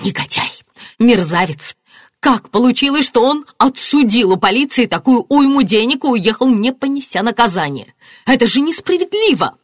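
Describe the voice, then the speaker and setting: A woman's voice: very animated, a little fast, no room sound, studio quality. A woman reading an audiobook, voicing a distraught middle-aged mother who flares up and cries out. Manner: shrill, flaring up.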